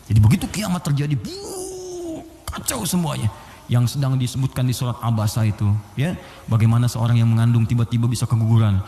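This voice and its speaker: A man's voice: mid-range voice, mellow, a little hiss or hum. A man preaching a sermon in a conversational way, full of rhetorical questions, recorded in a hall. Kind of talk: Islamic sermon to a congregation. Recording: echoey hall with long reverb.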